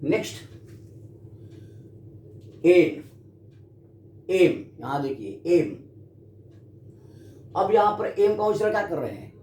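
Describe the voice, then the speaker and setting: Animated Indian teacher in echoey room. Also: male voice, high-pitched, slow, pauses often. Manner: addresses students, asks and answers his own questions. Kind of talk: classroom grammar lesson. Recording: echoey room with faint background noise.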